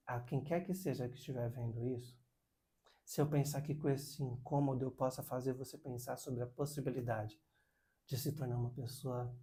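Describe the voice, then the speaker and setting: Man, video host, casual storytelling monologue, animated, mid-pitched voice. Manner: animated, with many pitch swings and acted quotes.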